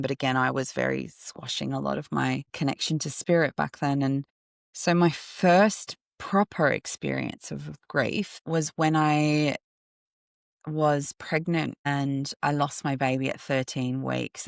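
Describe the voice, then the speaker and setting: A woman hosting a podcast, telling a personal story in a candid, reflective way and often pausing to search for words. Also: sits low, creaky, no room sound, studio quality. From Australia. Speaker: podcast host.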